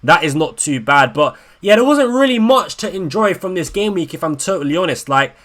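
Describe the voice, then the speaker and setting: Young lad, ranting fantasy-football vlogger; fairly high, bright, punchy voice, exasperated and slangy. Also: male voice, brisk. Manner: exasperated, animated, slangy, stumbling restarts. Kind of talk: casual ranting reaction video.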